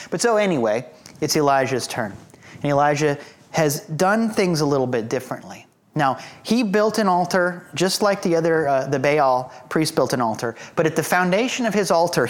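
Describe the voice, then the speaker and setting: A preacher giving a sermon, retelling a Bible story in a casual, joking, conversational way. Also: mid-range voice.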